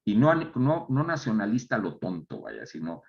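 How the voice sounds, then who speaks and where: A man's voice: on the low side, wildly swooping pitch, moderate pace, creaky, a little mellow, muffled recording. A man, an entrepreneur and mentor talking reflectively as a guest, often restarting his phrases. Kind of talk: casual conversation.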